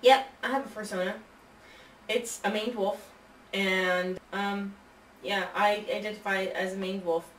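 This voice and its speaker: A woman's voice: medium pitch, fairly even intonation, unhurried, fairly bright tone. A woman being interviewed, answering in a casual, chatty way. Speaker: interviewee, fan community member. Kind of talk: casual chat. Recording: distant, echoey room, faint noise.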